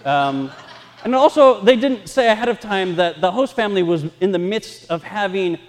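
High, animated pastor with cathedral echo. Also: male voice, moderate pace. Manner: lively, self-mocking storytelling. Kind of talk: sermon with personal stories. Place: large church sanctuary. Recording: long reverb in a church hall.

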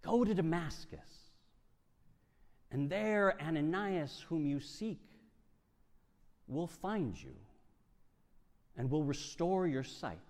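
Solemn divine male voice, played by a male storyteller, measured and grave. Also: fairly high pitch, lively intonation, darkish tone. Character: divine male voice of Jesus from the light. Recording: long hall reverb.

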